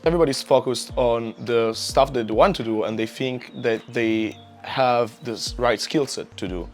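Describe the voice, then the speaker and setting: A man from Italy, a computer scientist speaking deliberately in an interview. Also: mid-range voice, soft background music.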